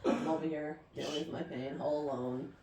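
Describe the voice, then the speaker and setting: A woman's voice: deep voice, fairly even intonation, normal speed, a crowd in the background. A young woman co-hosting a casual podcast, telling stories expressively and swearing freely. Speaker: podcast co-host. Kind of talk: casual chat, animated storytelling. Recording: echoey room, distant mic, faint hiss.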